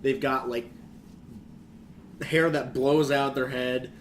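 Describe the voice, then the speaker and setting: A man's voice: medium pitch, steady tone, a little hiss or hum. A young man chatting casually on a podcast, rambling and joking. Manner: rambling, playful, quick to joke. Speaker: podcast co-host. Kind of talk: casual chat.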